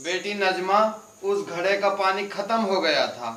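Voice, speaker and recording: An actor playing an older blind father who is gentle and heartbroken, speaking in a pleading, poetic, sorrowful way in a melodramatic audio drama. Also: high voice, measured pace. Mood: pleading gently. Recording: roomy voice over background music.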